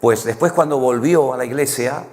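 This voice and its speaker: A man's voice: medium pitch, moderate pace, a little mellow. A man with a Canary Islands Spanish accent, preaching a sermon as a pastor in a conversational, storytelling way with wry humor. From Canary Islands, Spain. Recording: long hall reverb.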